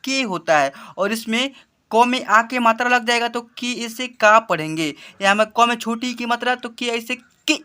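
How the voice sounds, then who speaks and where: A man teaching a spoken lesson, slowly drawing out spelling drills and repeating his explanations. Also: very high voice, sharp tone, clean tone. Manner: slow drawn-out spelling drills, repetitive explanations.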